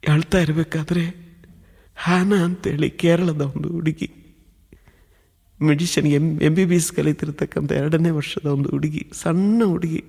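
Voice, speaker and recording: A man's voice: fairly high pitch, fairly even intonation, a little slow, gravelly, a little mellow, slightly rough. Earnest male preacher in a reverberant hall. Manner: earnest storytelling with emotional build. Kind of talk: personal testimony sermon.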